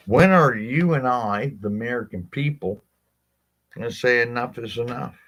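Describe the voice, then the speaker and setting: A man's voice: mid-range voice, moderate pace, a bit bright, muffled recording. A man, a legal rights advocate, speaking directly to his viewers in a blunt, impassioned monologue, swearing freely and asking rhetorical questions.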